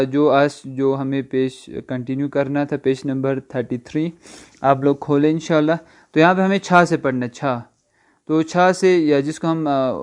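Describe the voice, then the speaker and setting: A man giving a recorded online language lesson, explaining slowly, repeating words and spelling them letter by letter. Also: a little high, darkish tone, clean tone. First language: Urdu. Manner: slow repetitive explaining with rhetorical questions. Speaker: language teacher.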